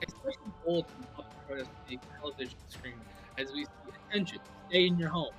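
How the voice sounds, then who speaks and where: A man's voice: a little high, quick pace, fairly bright tone, faint music behind. Man game master, voice cutting out. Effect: voice cutting in and out, muffled and distant over an online call. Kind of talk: narrating a tabletop game session.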